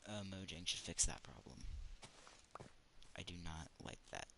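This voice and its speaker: Man, very low register, slow unhurried delivery, casual let's-play commentary with muttered deadpan quips. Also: gravelly, a little hiss or hum. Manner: mutters wry asides to himself while playing.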